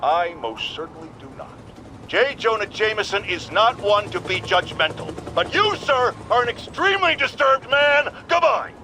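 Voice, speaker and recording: An actor playing J. Jonah Jameson, a blustering, self-righteous, paranoid talk radio host with a pompous, emphatic delivery. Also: male voice, high-pitched, very animated, normal speed. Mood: pompous disapproval. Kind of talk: opinionated talk radio rant.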